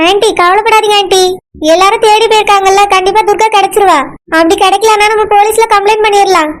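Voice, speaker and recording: A woman's voice: extremely high pitch, steady tone, fast. A woman voicing a young woman, the bride's earnest, consoling friend, with a Kanyakumari Tamil accent in a cartoon. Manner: soothing, earnest. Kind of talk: cartoon voice acting.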